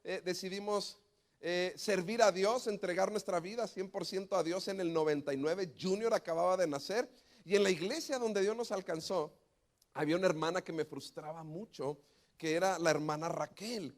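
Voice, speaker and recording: Middle-aged pastor preaching, high voice, acts out the quotes in his story. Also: moderate pace. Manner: animated storytelling with acted quotes. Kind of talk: sermon.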